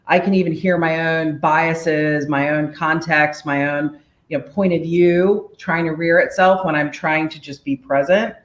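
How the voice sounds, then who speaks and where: A woman in her forties from the DC area, a mayor, talking as a podcast guest in an energetic, upbeat way and laughing often. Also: low-pitched, roomy sound, lo-fi sound. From United States, DC area. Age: 40s. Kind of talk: podcast interview, casual.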